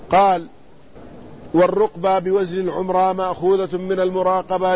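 High-voiced man explaining a hadith text. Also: a little mellow. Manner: reads quoted text then explains it plainly, pausing to ask and answer himself. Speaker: Islamic scholar teaching hadith. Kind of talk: explanatory lesson reading and commenting on a text. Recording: slightly muffled recording with faint background noise.

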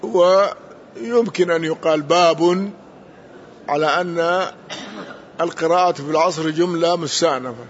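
A man teaching as a sheikh, explaining a text slowly and correcting the reader's pronunciation. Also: a little high. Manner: slow, deliberate, corrects the reader. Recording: dull lo-fi sound with faint noise.

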